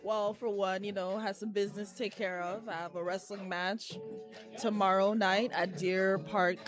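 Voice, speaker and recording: A young Haitian woman who wrestles professionally is interviewed indoors at a collectibles shop, talking candidly and chattily and laughing easily in a casual conversation. Her voice is medium-pitched with fairly even intonation and normal speed, heard over music.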